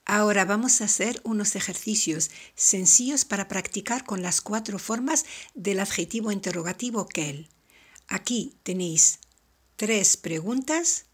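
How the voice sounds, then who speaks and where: Slow, husky-voiced woman teaching French. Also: medium pitch. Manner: repeats examples slowly, explains step by step. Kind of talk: slow, careful language lesson.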